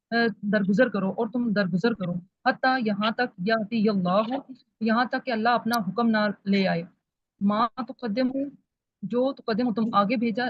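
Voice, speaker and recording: A student in an online class reading a word-by-word translation haltingly. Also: mid-range voice, no echo. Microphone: video call. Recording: dry muffled call audio.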